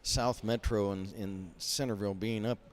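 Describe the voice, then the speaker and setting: A man calling a high school hockey game play by play, folksy and rambling with lots of fillers, from behind glass up in a rink mezzanine. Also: fairly even intonation, moderate pace, a little hiss or hum. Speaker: play-by-play announcer. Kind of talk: amateur hockey play-by-play commentary.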